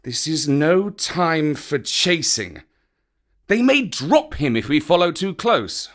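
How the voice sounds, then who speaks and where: A man's voice: a little high, very animated, slow, fairly bright tone, full character voice. A man voicing a fierce male panther who scolds his friend in a stern, commanding way. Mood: scornful.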